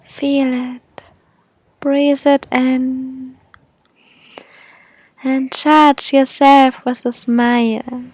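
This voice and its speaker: A woman leading a guided meditation in an airy, breathy, soothing manner, like a spiritual healer. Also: high voice, level tone, extremely slow, pauses often, a little mellow, dry recording.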